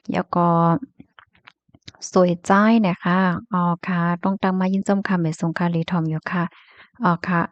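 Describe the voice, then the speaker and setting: A woman with a lowish voice talks through the news in a loose, chatty way, filling gaps with little sounds and the odd soft laugh. The recording is dry and a bit muffled. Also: no room sound. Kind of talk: casual news chat reading comments.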